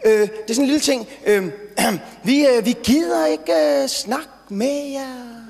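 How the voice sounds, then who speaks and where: A young man doing a brash, rambling stand-up routine on stage, sometimes stuttering when worked up. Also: very high-pitched. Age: young adult. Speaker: stand-up comedian. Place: stage in a large hall before an audience. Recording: reverberant hall, faint noise.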